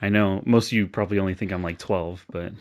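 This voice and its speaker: A man's voice: deep voice, steady tone, quick pace, darkish tone. A young man hosting a casual podcast, chatting loosely with lots of fillers and laughter. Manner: laughs often, many fillers. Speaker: podcast host. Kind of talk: casual chat.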